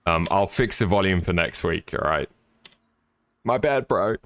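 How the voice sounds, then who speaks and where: A man's voice: sits low, expressive, a little slow, fairly bright tone. A man giving live, chatty sim racing commentary with jokey, apologetic asides.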